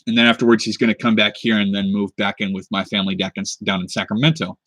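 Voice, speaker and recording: A young man in his twenties from the US Pacific Northwest talks in a fairly low voice, rambling easily as he works on a prop at his desk. The sound is close and dry, with no room echo, captured by a simple webcam microphone. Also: flat delivery, fast talker, a bit bright. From United States (Pacific Northwest). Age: 20s. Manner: rambling and easygoing, talking while working with his hands. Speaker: cosplay prop maker streaming live. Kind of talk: casual livestream chat while crafting. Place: indoors at a desk at home under a lamp. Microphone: webcam mic.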